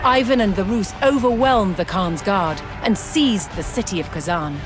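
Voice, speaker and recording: A woman with a mid-range voice reads scripted historical narration for a strategy game, delivering it in a measured, dramatic storytelling style. Background music plays under her voice.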